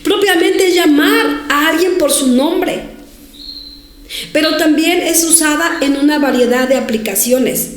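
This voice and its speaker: A woman pastor delivers a sermon with a high, unhurried voice, repeating key words for emphasis. She rises to shouts when voicing prayers. The recording has a roomy echo and a faint background ambience. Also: a little hiss or hum. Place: church hall, streamed to viewers.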